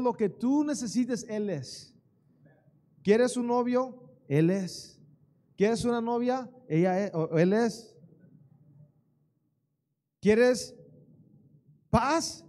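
A pastor preaching a sermon in church, calling out questions for the congregation to answer. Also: male voice, very high-pitched, darkish tone. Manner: preaching with call-and-response to the congregation. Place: church sanctuary.

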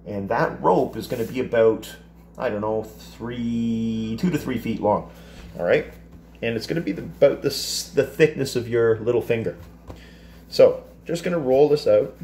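A man in his fifties teaching a casual cooking demonstration in a home kitchen, explaining each step in a relaxed, chatty way. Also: medium pitch, moderate pace, a little hiss or hum. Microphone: camera across the counter.

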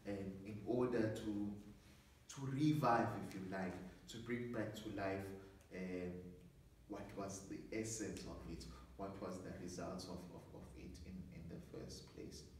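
A middle-aged priest gives an earnest, measured talk, often repeating small words as he gathers his thoughts. His voice sounds distant from the camera and bounces around a very echoey small study, with a faint hiss underneath. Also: fairly low pitch, flat delivery, darkish tone. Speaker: assistant parish priest. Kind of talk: sermon preparation talk. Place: small study with bookshelves, indoors. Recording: echoey room, voice from far off.

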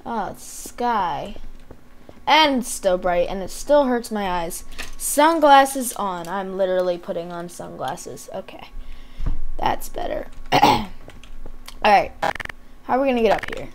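A woman hosting a gameplay video thinks aloud in casual commentary, her medium-pitched, expressive voice a little slow with frequent pauses. She is losing her voice and often clears her throat, while background hiss and keyboard and mouse clicks can be heard.

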